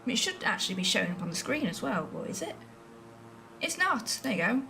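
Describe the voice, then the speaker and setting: A woman from England streams a flight simulator game, chatting casually, thinking aloud and second-guessing herself. Her voice is fairly high, sing-song, creaky and fast, with background noise. She sits a bit distant from the mic, and faint music plays behind her.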